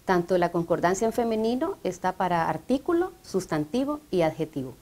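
Measured Honduran professor explaining grammar. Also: female voice, fairly low pitch, sing-song, dark tone. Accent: Honduran Spanish. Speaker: language professor and show host. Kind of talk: educational TV talk.

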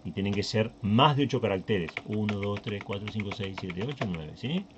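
A man's voice: on the low side, animated, normal speed, lo-fi sound, noisy background. A Uruguayan man hosting a tech channel, talking casually through a screen recording and thinking aloud with many fillers and restarts. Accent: Uruguayan Spanish.

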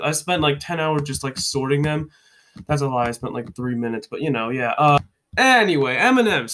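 A congested young vlogger, his voice high with a fairly bright tone, jokes his way through a rambling candy ranking into his webcam at home. He keeps correcting himself as the casual commentary goes on.

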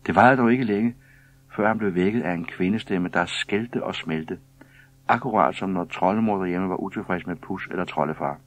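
A man narrates a children's story in a calm, even way. His voice sits very low and a little husky. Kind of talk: scripted children's story reading.

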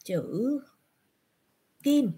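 A woman's voice: fairly high pitch, very animated, very slow, mellow, a little hiss or hum. A woman teaching Japanese in an online class, patiently asking questions and answering them herself. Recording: screen recording from a browser.

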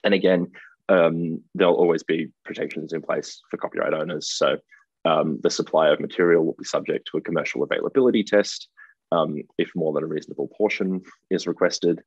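A man's voice: a bass voice, steady tone, fairly quick, husky, dry recording. A middle-aged Australian man giving a conference keynote over a video call from an office, hesitant with many ums and restarts. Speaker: keynote speaker. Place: indoor office. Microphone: webcam video call. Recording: dull lo-fi call audio.

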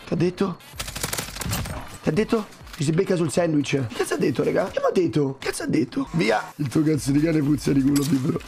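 Hoarse man, voice nearly gone. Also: a little high, lively intonation, brisk, a little mellow, slight background noise. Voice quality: croaky duck-like voice. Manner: swears a lot, jokey, talks to viewers. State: lost voice, hoarse. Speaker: gaming streamer. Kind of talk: casual gameplay commentary. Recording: game music behind.

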